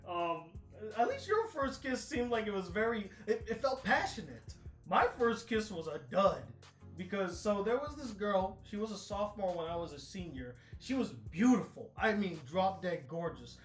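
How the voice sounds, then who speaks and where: A young man on a casual podcast chat, telling his story in an animated way. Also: high-pitched, moderate pace, roomy sound, soft background music. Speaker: podcast co-host.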